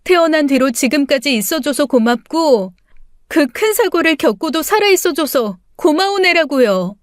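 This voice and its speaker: A woman acting out an indignant daughter-in-law in a raised, high, cutting voice. The audiobook sound is dry and close. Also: animated, moderate pace, no echo. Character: furious protective daughter-in-law.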